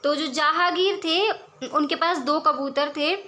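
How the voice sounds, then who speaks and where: A woman teacher explaining verse examples in a lesson, reading lines slowly and then explaining them patiently. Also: high voice, sharp tone.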